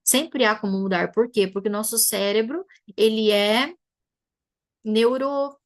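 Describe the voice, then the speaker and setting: A woman's voice: fairly high pitch, a little slow. A woman psychoanalyst from Brazil giving a live online talk to a webcam, telling a personal story and speaking directly to her viewers. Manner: storytelling, addresses audience directly.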